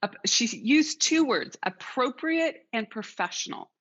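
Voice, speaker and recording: A woman's voice: fairly high pitch, lively intonation, measured pace, fairly bright tone. Woman interview host, reflective, restarts phrases; muffled lo-fi audio. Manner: thoughtful, restarts phrases, steers the talk. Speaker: podcast host. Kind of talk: casual interview chat.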